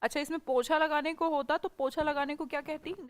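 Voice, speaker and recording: A woman's voice: high-pitched, fairly even intonation, fairly quick, no echo. A woman teaching a spoken English class, coaxing students and quizzing them by repeating phrases.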